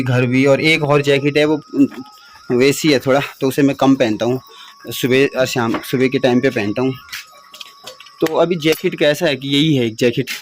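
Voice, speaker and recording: A man's voice: medium pitch, a little hiss or hum. A young man, rambling casually about home and village life in his vlog. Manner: chatty, rambling, laughs at himself. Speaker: vlogger.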